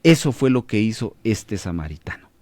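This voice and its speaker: A man's voice: lowish voice, sing-song, normal speed, darkish tone, no echo. Emphatic radio Bible teacher, man. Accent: Latin American Spanish. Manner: preachy, emphatic, asks listeners questions. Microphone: studio microphone.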